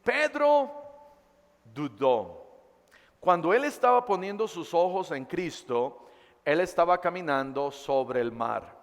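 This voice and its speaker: A male pastor preaching a sermon and reading scripture aloud, dramatically swinging between loud and hushed delivery. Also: on the high side, long reverb tail. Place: church.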